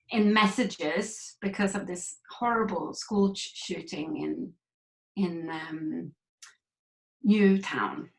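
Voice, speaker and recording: A woman's voice: mid-range voice, roomy sound, low-quality recording. A woman from Sweden, a grief recovery coach, telling her story candidly and reflectively as an interview guest. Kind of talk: conversational interview.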